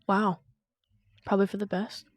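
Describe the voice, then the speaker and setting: A young woman chats in a relaxed, giggly way on a podcast. Her voice sits in a middle pitch and sounds close and dry. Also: moderate pace, no room sound. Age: young adult. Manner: laid-back, giggly storyteller. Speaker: podcast co-host, daughter. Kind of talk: casual chat.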